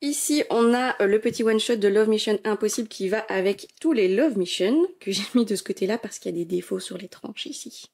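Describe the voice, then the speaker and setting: A young adult woman from France, chatty and enthusiastic as she narrates a casual shelf-tour vlog, filling pauses with little hesitations. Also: mid-range voice, vocal fry, darkish tone. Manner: chatty and enthusiastic, gushing, many euh fillers. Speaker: manga collection vlogger.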